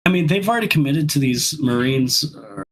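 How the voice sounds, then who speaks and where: A man co-hosting a podcast in casual chat, rambling and halting, with many restarts. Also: mid-range voice, lively intonation, slight background noise, poor audio. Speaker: podcast co-host.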